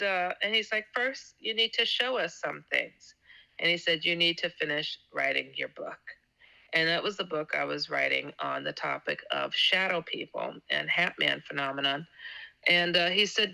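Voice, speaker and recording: Telling a personal story as a guest author in a casual interview, this woman has a lowish, gravelly voice with a sharp edge. She stammers and repeats words while acting out quotes, laughing often between sentences, all on a low-quality recording.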